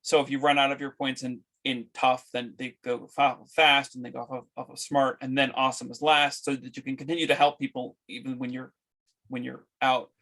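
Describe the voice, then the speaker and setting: A man who ran a tabletop game, talking it over casually in a group discussion, halting with many restarts. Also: medium pitch, level tone, a bit bright. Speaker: game master.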